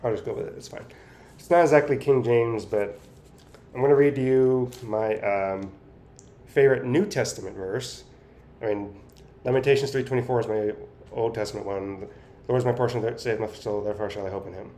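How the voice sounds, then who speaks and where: A man giving a casual, halting personal update, with effortful, impaired articulation as he talks biting down on a straw held in his teeth. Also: medium pitch, steady tone, mellow, slight background noise. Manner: talking through clenched teeth, biting on a straw. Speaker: vlogger sharing speech progress.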